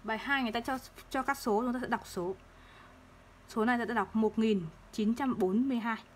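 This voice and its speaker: A woman teaching third-grade math, explaining place values slowly and patiently and repeating each number. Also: on the high side, slight background noise. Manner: slow, patient, repeats numbers to drill them.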